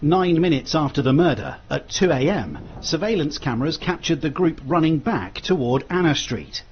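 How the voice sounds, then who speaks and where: Male true-crime narrator, lively higher pitch, dull lo-fi recording with faint noise. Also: normal speed. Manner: steady, factual. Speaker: documentary narrator.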